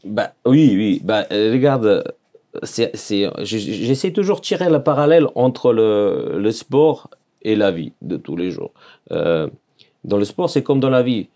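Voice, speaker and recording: As a guest on a podcast, a Serbian man in his forties narrates his life story in an animated yet unhurried way, with a lowish, warm voice. His French is earnest and marked by a Serbian accent, and he searches for words and repeats phrases as he goes.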